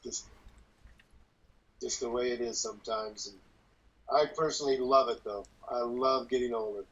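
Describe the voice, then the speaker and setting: A man in his early seventies, a church leader, leads a group call from a dim room at home, talking casually in a rambling, folksy way. His mid-range voice is steady and at normal speed. The video call audio is dull and lo-fi.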